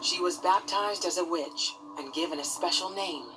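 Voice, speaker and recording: A woman reading scripted documentary narration in a measured, composed way. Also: lowish voice, low-quality recording. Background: music bed.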